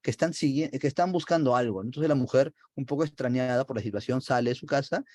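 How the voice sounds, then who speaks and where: Male literature teacher, lively lecture storyteller, dry close sound. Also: medium pitch, fast talker, dry recording. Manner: lively, peppers sentences with "no?".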